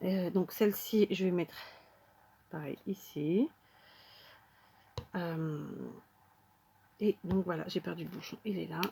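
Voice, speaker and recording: A woman's voice: fairly low pitch, fairly even intonation, takes it slowly, creaky, long pauses, mellow, husky. A woman hosting a casual card-making tutorial at her craft table, talking to viewers as she works and thinking aloud with plenty of fillers.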